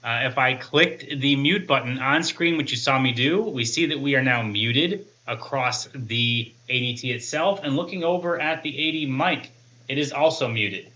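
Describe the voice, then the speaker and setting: A tech reviewer and presenter in his thirties walks through a product demo step by step, explaining things conversationally. His mid-range voice is bright and forceful at a moderate pace, though the recording sounds muffled.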